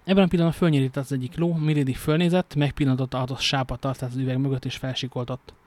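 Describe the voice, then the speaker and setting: A man's voice: mid-range voice, little pitch movement, darkish tone, no room sound. Man reading a novel with casual asides. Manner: reads with slips and casual joking asides. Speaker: amateur reader.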